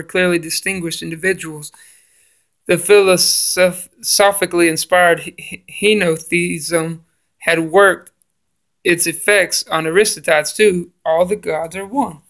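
A man who makes religious videos reads book passages aloud and adds his own commentary, tripping over difficult names and starting them again. His voice sits on the high side, gravelly with a fairly bright tone. He is recorded on a phone camera aimed at the book page.

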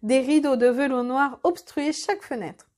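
Brief: female storyteller, high-pitched, measured expressive reading of a children's tale.

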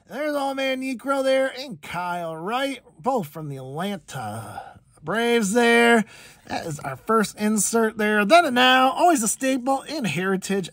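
A man's voice: extremely high pitch, sharp tone, no echo. A man casually talking through a pack opening as channel host, chatty and rambling with lots of fillers. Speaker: card collector and channel host. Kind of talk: casual card-opening commentary.

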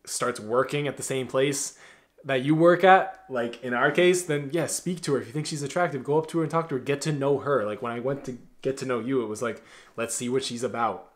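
A young man in his twenties talks straight to the camera, blunt and joking as he hands out advice. His voice sits at an ordinary middle pitch, and he chats easily from a dim room at home. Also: brisk. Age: 20s. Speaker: host. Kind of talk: casual Q&A chat. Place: dim bedroom, indoors.

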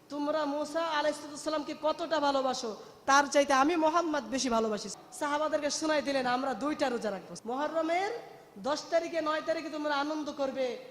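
A man's voice: very high-pitched, fairly bright tone, reverberant, big-room sound. A man preaching a Bengali waz sermon with a Bangladeshi Bengali accent, telling the story in a melodic, rising and falling, emotional delivery.

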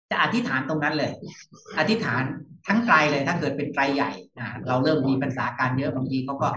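A man teaching monastic rules over a video call. He speaks in an unhurried lecture style, circling back over his points. The sound is roomy, and he sits some way from the mic. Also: medium pitch, a bit bright, far from the mic. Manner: unhurried, repeats phrases with polite particles. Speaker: monk teaching monastic discipline.

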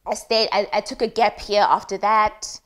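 A woman's voice: mid-range voice, moderate pace. A young South African woman with a South African accent, casually telling a personal story while cooking, acting out the people she quotes. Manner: animated, acts out quoted voices, mixes in isiZulu. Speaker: cooking vlogger.

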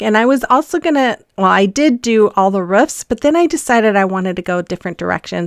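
A woman's voice: mid-range voice, smooth, no room sound, studio quality. A woman hosting a casual craft tutorial voice-over, chatty and rambling with frequent ums and restarts. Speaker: craft channel host.

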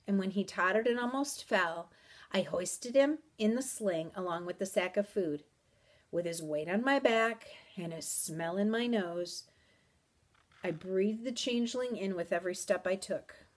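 A woman teacher reading a chapter book aloud to her students with measured, expressive delivery. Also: mid-range voice. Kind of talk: storybook read-aloud.

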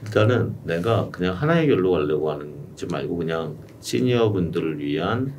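This middle-aged YouTube coach has a very deep, slightly mellow voice as he patiently and steadily advises a client one-on-one in a small studio room. He's recorded from a distance by a stand-mounted desk mic, with faint room noise in the background.

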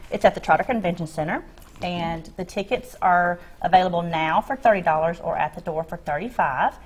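A woman speaks as a parent association president on a TV studio interview. Her voice is slightly low and her manner upbeat and promotional. She is recorded on a lapel mic. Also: brisk. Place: TV news studio set, seated.

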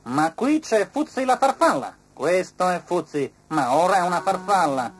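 A woman voicing a clever male ant inspector who calmly explains the case in a children's story. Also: fairly low pitch, normal speed, a little hiss or hum, pitched above the performer's own voice. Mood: confident. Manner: confident explaining.

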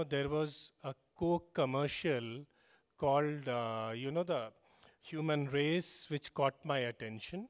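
Indian man giving a keynote at a podium. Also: on the high side. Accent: Indian English. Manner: measured, with frequent "you know" fillers. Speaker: keynote speaker. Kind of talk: conference keynote speech. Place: large conference stage, indoors. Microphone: podium microphone.

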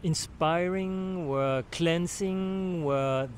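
An older Swiss man with a French accent, a retreat participant, records a testimonial outdoors at a beach camp on a handheld recorder held near his mouth. His voice is a little high and very slow, often searching for words and restarting, with a little hiss or hum in the audio.

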